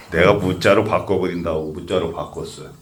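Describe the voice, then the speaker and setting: Older monk preaching in a low voice. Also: male voice, fairly even intonation, unhurried, slight background noise. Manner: conversational, asks the audience questions, tells humorous stories. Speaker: Buddhist monk giving a dharma talk. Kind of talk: sermon. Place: temple memorial service.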